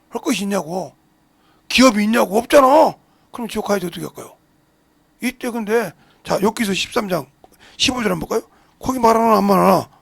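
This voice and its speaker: A male pastor preaches passionately, swinging from shouts to low mutters and firing rhetorical questions at his congregation. His voice is creaky with a breathy edge, and the recording is dry.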